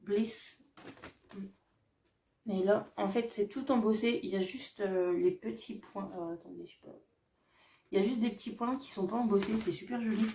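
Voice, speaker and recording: A woman vlogger casually showing off her craft shopping haul, chatty and hesitant, often pausing on fillers as she describes each item. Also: medium pitch, warm tone, distant mic, slight background noise. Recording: echoey room, voice off-mic.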